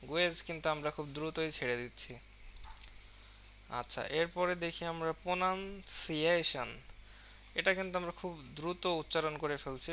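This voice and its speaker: A man with a Bengali accent teaching an English lesson, reading English lines slowly and then explaining them in Bengali with many fillers. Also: on the high side, sharp tone, slight background noise.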